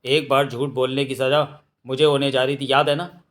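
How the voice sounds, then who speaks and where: A man's voice: medium pitch, flat delivery, normal speed, a bit bright, lightly acted. A man reading as a fretful, scolding mother. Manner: scolding, anxious exclamations.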